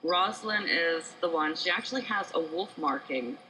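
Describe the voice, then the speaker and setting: Bright-voiced woman author chatting casually. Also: lowish voice, normal speed, a little hiss or hum, poor audio. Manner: chatty, laughing, loose rambling explanations. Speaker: guest author. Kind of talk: casual podcast chat. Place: home room with cats and girlfriend.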